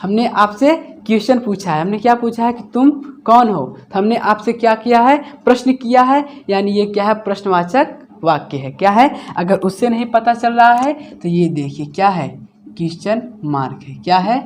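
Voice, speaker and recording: A man's voice: high voice, expressive, a little mellow, slight background noise. A man teaching a grammar lesson, who keeps asking himself questions, answers them, and repeats the key words. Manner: slows to dictate example words one at a time. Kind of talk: classroom-style grammar lesson.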